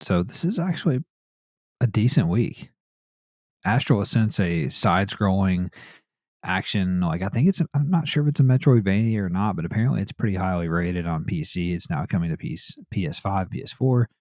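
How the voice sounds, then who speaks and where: A man's voice: sits low, lively intonation, moderate pace, a little mellow, dry recording, clean studio sound. A man hosting a gaming news podcast, reading headlines and chatting casually in a laid-back way. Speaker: podcast host.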